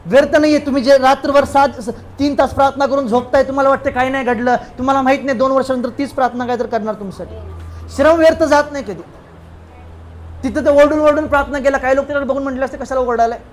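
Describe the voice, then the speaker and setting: Preaching in a church hall, a Marathi-accented pastor speaks rapidly with an extremely high pitch and a steady tone. His delivery is emphatic, and he shouts hallelujahs together with the congregation over a faint hiss or hum.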